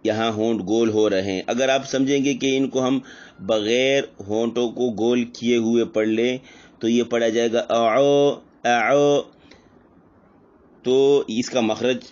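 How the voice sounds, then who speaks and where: A man teaching Quran recitation rules in a slow lesson, patiently repeating each example with drawn-out pronunciation. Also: mid-range voice, darkish tone, lo-fi sound.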